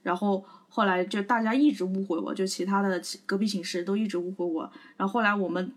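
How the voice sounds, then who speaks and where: A woman's voice: medium pitch, fairly even intonation, quick pace. A young adult woman co-hosting a podcast, telling a long anecdote in casual, rambling chat. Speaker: podcast co-host.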